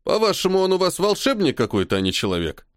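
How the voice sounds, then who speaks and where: A man's voice: sits high, wildly swooping pitch, fast, no room sound, studio quality, voice pushed up. A man reading an audiobook and voicing a stern, ironic army colonel who scolds his subordinate with weary irritation. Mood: irritated. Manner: sarcastic, commanding, weary sighs. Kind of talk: audiobook character voice.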